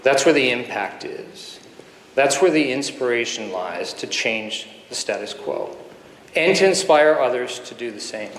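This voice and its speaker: A man in his fifties, a surgeon giving an earnest keynote speech full of anecdotes, with pauses and fillers, at a podium microphone in a conference hall. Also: medium pitch, animated, fairly bright tone, a little hiss or hum. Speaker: guest speaker, surgeon. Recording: echoey hall with faint ambience.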